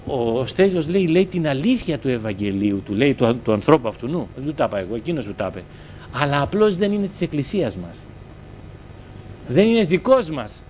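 Greek guy preaching a sermon, highish voice, earnest, lots of ums, muffled recording with some rumble. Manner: earnest, retells conversations with many quoted exchanges and hesitant fillers.

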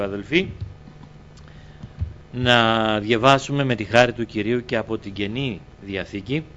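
A man preaching a sermon, climbing high on key words, with restarts and fillers, and reading from scripture. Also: fairly bright tone. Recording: dull lo-fi recording with faint noise.

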